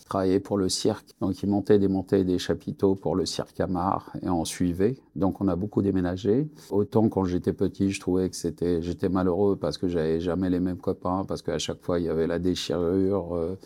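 Deep gravelly-voiced painter in his sixties. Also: warm tone. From born in Algeria, grew up in France. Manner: unhurried, many hesitations. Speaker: painter, interview guest. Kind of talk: radio interview.

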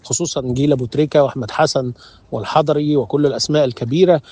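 A man's voice: mid-range voice, fairly even intonation, racing, warm tone, slightly rough, dry recording. A man from Egypt with an Egyptian accent, a guest sports journalist commenting without a script in an emphatic, effusive way. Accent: Egyptian Arabic. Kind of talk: unscripted commentary on radio.

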